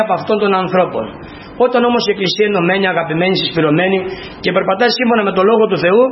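High-voiced man preaching a sermon. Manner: earnest, emphatic preaching with repeated phrases. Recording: dull lo-fi recording with faint noise.

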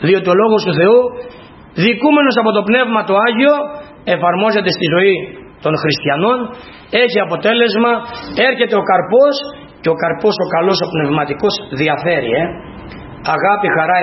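A man's voice: sits high, expressive. A man preaching a sermon to his congregation in an earnest, emphatic way, repeating key phrases. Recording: dull lo-fi recording with faint noise.

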